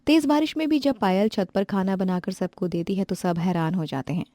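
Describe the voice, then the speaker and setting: A woman narrating a moral storybook in a plain, steady way. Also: mid-range voice, fairly quick, no room sound, clean studio sound.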